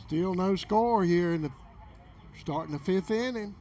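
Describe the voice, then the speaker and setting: A man's voice: sits high, measured pace, dark tone, slight background noise. A man giving play-by-play baseball commentary for local television from an outdoor game.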